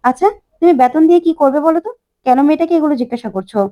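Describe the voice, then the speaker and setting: A woman's voice: high voice, very fast, mellow, lo-fi sound, voice pushed up, natural voice. Woman doing a firm, hot-tempered uncle. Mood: angry. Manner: firm, insistent. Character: protective middle-aged uncle, quick to anger.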